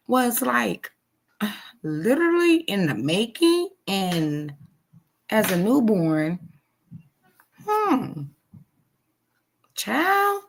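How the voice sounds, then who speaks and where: Gravelly woman in her 40s, slow and emphatic, keeps repeating herself to her viewers on a live chat. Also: mid-range voice, slight background noise. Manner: emphatic and repetitive, addressing viewers directly. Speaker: livestream host. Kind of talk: casual live chat to supporters.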